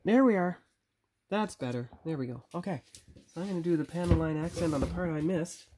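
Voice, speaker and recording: Speaking fairly quickly in a voice on the high side, with background noise audible, a model builder who hosts a channel talks viewers through painting his model. He's chatty and works while thinking aloud and correcting himself at his workbench, filmed by a tripod-mounted phone camera.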